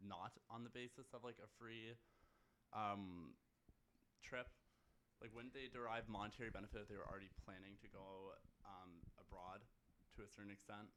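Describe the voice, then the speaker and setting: A man's voice: on the low side, a bit bright, slight background noise. A student councillor asking a long, rambling question in a council meeting, restarting his phrases often.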